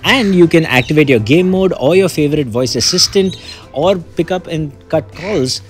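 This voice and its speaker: A man's voice: on the high side, normal speed, faint music behind. A man reviewing earbuds in a casual, chatty way, with joking self-deprecating asides. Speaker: tech reviewer.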